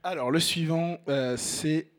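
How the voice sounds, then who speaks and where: A man's voice: a little high, takes it slowly. A man co-hosting a music show, chatting casually about records, hesitant with many fillers and blunt opinions. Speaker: radio show co-host presenting records.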